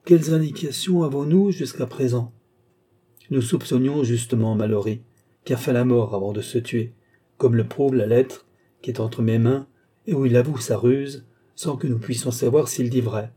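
A man's voice: mid-range voice, fairly even intonation, normal speed, warm tone, slightly rough, natural voice. A man reading aloud, playing a stern Scotland Yard inspector who speaks firmly and tolerates no reply. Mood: commanding. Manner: firm, brooks no reply.

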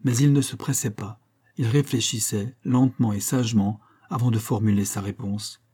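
A man narrating a novel in a measured, literary reading. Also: lowish voice, steady tone, warm tone, breathy edge. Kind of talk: scripted narration.

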